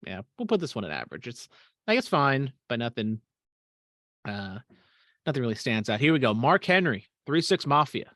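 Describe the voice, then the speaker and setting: A man co-hosting a casual podcast, talking loosely and swearing freely. His voice sits at an ordinary pitch and often fades out at the ends of his remarks. The recording is close and dry, with no room sound. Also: big pitch swings, normal speed, fairly bright tone, dry recording. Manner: casual and profane, trailing off into mumbles. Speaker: podcast co-host. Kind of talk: casual chat.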